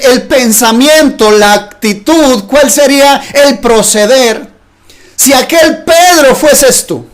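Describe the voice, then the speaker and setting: High-voiced male preacher, emphatic. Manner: emphatic, rhetorical questions to listeners. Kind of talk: sermon.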